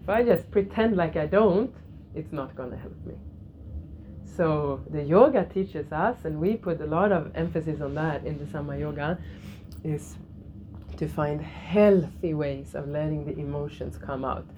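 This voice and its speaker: A middle-aged yoga teacher with a slightly low voice guides a class through a spiritual lesson, speaking gently and a little slowly. She repeats key phrases and laughs softly at times, over faint room hum in lo-fi sound.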